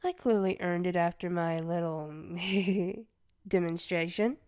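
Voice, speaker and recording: A woman voicing a vengeful, domineering former student in an audio roleplay, taunting with frequent sighs and hushed whispers. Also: fairly low pitch, slow, smooth, dry recording, studio quality. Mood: whispered taunting. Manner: taunting, sighing, often whispering. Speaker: voice actor.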